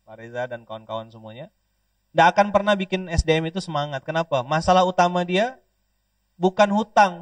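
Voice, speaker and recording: A man from Pontianak, Indonesia, preaching a lively sermon, joking and leading call-and-response with the audience. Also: fairly high pitch, no echo. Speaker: Islamic preacher. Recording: dry, distant mic.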